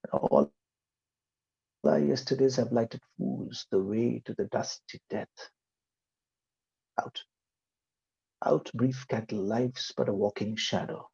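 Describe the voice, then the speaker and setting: A man acting out a grave tragic king, reciting verse slowly and solemnly. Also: mid-range voice, gravelly, dark tone, slightly rough, highs cut off, pitched below the performer's own voice, heavily acted. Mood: somber.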